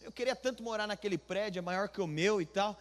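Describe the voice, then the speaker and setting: A male Brazilian pastor telling a story from the pulpit, acting out the dialogue and building to near shouting. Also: high-pitched, fast. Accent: Brazilian Portuguese. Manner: animated, acts out dialogue, rising to near shouting. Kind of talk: storytelling sermon. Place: church hall. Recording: live church hall with long reverb.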